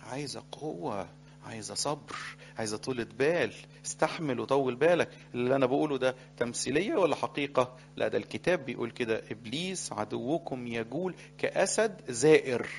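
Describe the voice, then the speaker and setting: A man with an Egyptian accent preaching a sermon as a priest, animated and switching between soft and loud delivery. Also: medium pitch, fast talker, gravelly, a little hiss or hum. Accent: Egyptian Arabic. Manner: animated, acts out little scenes, swings between soft and loud.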